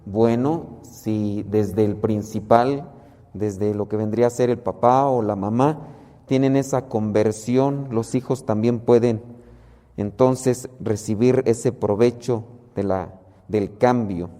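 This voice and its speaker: Man preaching, mellow voice. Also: on the low side, long reverb tail. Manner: slow, measured explaining of scripture. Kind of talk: sermon.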